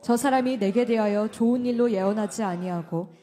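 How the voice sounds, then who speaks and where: A woman's voice: on the high side, a little fast, mellow. Woman reciting scripture in church. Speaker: congregation member reading scripture. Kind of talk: scripture reading aloud. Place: church sanctuary.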